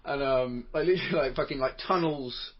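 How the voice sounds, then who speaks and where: A man's voice: mid-range voice, a little fast, lo-fi sound. A young man from England telling rambling stories in casual chat, swearing often and padding with fillers. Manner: rambling storyteller, heavy swearing, many fillers. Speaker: podcast co-host.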